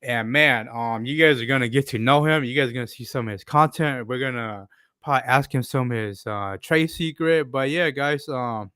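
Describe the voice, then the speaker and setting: A man from Alaska hosting a casual livestream, talking haltingly with many fillers and restarts. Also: medium pitch, bright, forceful tone, clear, resonant tone, no room sound, studio quality. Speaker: livestream host.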